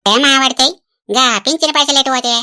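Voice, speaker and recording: A woman's voice: sits high, fairly quick, pushed and bright. A woman voicing an old village woman on a pension who gossips and chatters. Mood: chatty. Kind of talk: cartoon voice acting.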